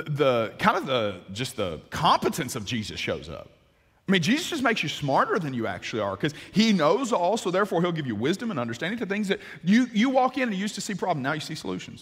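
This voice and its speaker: A pastor in his forties preaches a sermon on a large church stage, animated and gesturing, restarting often. His voice is high and slightly rough, and the recording carries a long hall reverb.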